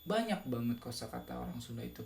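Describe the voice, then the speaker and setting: A young man from West Java talking casually on a solo podcast. He is animated, laughs often, and slips into sing-song imitations. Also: mid-range voice, fast, vocal fry, echoey room. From West Java, Indonesia. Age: young adult. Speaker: student podcaster.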